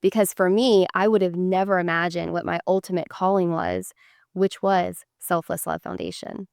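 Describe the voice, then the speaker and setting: A woman guest speaks earnestly in an interview, giving motivational advice drawn from her own story. Her voice is smooth and resonant and sits fairly low. The recording is dry and close. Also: steady tone, moderate pace, a little mellow, no room sound. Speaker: guest, foundation founder. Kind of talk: casual interview chat.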